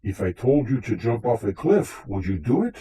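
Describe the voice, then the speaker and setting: Man playing husky, theatrical vampire Count Dracula. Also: mid-range voice, big pitch swings, moderate pace, warm tone. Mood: scolding. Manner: theatrical, dryly boastful, formal phrasing. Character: vain, touchy centuries-old Count Dracula, talk show guest. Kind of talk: comic live radio theater acting.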